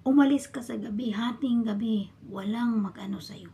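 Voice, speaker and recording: A woman from the Philippines talks to her viewers in a casual storytelling vlog, recorded in a bedroom. Her voice is deeply gravelly with constant fry, and her tone stays dark and mellow. She keeps sinking into a soft, hushed whisper. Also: moderate pace, a little hiss or hum. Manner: often drops into a hushed whisper. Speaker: vlogger and domestic worker abroad. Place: a bedroom in her employer's home.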